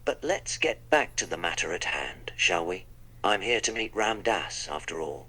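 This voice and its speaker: The Doctor, husky deep-voiced time traveller voiced by a man. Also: expressive, moderate pace, sharp tone, exaggerated voice, low-quality recording. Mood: wry. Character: the Doctor, eccentric male time traveller, wry and polite. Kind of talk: text-to-speech role-play with narrated actions.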